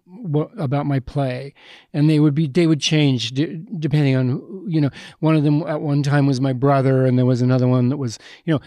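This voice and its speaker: A man's voice: medium pitch, mellow, no room sound, studio quality. A man, a playwright guest, telling long rambling anecdotes with many self-interruptions. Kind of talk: conversational storytelling.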